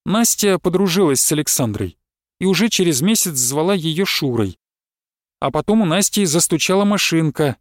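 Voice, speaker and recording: A man calmly narrating a story as an audiobook reader. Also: fairly high pitch, no echo, clean studio sound. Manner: calm, measured storytelling. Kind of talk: audiobook reading.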